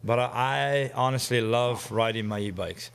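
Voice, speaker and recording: A man in his forties sits as a guest and tells stories in an eager, rambling way, chuckling often. His voice sits at an ordinary middle pitch. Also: normal speed, gravelly, clean tone. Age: 40s. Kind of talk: casual storytelling chat.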